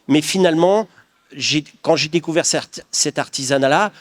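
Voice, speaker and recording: With a fairly high-pitched voice and moderate pace, a middle-aged Parisian-region man takes questions as a craftsman guest. His replies are earnest and thoughtful, marked by frequent restarts.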